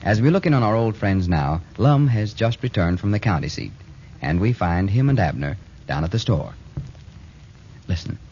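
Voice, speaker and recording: A man's voice: on the low side, lively intonation, normal speed, darkish tone, slight background noise. A man reading a folksy sponsor announcement, heard as an old AM radio broadcast from the 1940s. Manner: folksy, persuasive. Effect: old AM radio broadcast sound. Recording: muffled 1940s radio recording.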